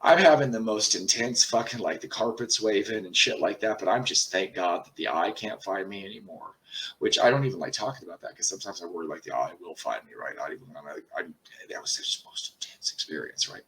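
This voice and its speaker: A man telling a personal story in a casual, rambling way, swearing often and pausing on fillers. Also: low-pitched, expressive, a bit bright, recorded from a distance. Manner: profane, rambling, halting with many fillers. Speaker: channel host.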